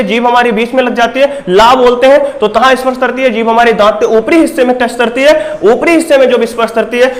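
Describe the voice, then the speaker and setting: High-voiced man drilling grammar. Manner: repetitive question-and-answer drilling. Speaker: teacher. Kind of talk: exam-prep grammar lesson.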